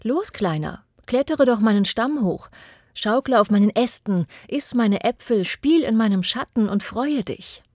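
A gentle, giving apple tree from a storybook, as a woman reader puts it on, coaxing the boy it loves in soft, husky tones. The delivery is unhurried and close, with no room around it. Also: fairly high pitch, expressive, dry recording, voice pushed up. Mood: eager coaxing. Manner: eager and coaxing, later faint and whispery. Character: loving, selfless old apple tree.

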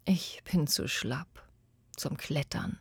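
A woman voicing a boy in a read-aloud storybook who grows into a weary old man, demanding at first and hushed later. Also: mid-range voice, moderate pace, no echo, close to an everyday voice. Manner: demanding when young, tired and hushed when old.

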